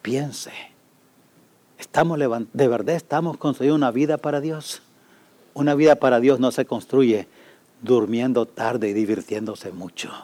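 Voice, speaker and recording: A man preaching a sermon as a pastor, swinging from loud pleading to hushed warnings. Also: mid-range voice, moderate pace.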